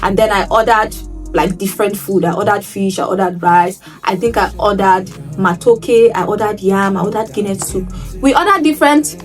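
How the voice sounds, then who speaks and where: A woman's voice: medium pitch, moderate pace. Young woman, Nigerian accent, vlog storytelling, emphatic repeats, voice set back from the mic, light music underneath. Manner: emphatic, repeats phrases for effect. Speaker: travel vlogger. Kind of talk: casual storytelling to camera. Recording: voice a little distant from the mic, soft music behind.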